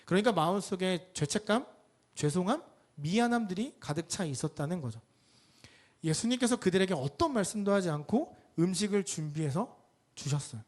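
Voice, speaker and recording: High-voiced Korean pastor preaching. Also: male voice, animated, moderate pace, a little mellow. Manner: storytelling, acts out quoted lines with rising intensity. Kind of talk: sermon.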